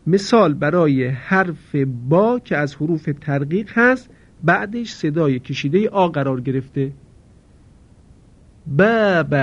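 Man, recitation teacher, fairly high voice, deliberate drawn-out examples, dull lo-fi recording. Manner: slow, deliberate, drawn-out demonstrations of words. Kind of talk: tajweed lesson.

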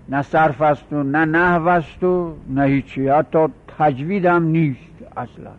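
A middle-aged Iranian man teaching a class, explaining step by step, repeating key words and slowing down to recite examples. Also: fairly high pitch, narrow, tinny audio. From Iran. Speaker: seminary teacher. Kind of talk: classroom lecture on Arabic grammar.

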